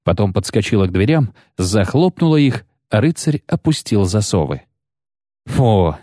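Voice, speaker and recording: A man narrating an audiobook in a steady, measured way. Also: on the low side, no echo, studio quality. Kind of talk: scripted narration.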